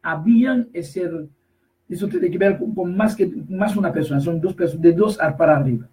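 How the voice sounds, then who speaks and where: Preacher guy, high voice, keeps repeating himself, gets loud on the big words. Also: distant mic, rough recording. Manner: emphatic, repetitive, rises to shouts on key phrases; slow deliberate reading of scripture verses. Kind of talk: sermon.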